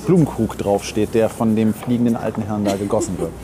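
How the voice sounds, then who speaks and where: Strolling outdoors through a city, a podcast co-host with a lowish, steady voice speaks briskly and casually, airing opinions at length and frequently rewording his points. The clear recording picks up traffic, street ambience, and crowd noise.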